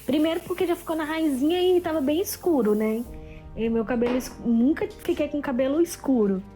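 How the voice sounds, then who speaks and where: A woman in her thirties with a Brazilian Portuguese accent, appearing as a guest, tells a personal story briskly in a high voice, acting out the dialogue with animation and frequently restarting sentences. Soft music plays in the background.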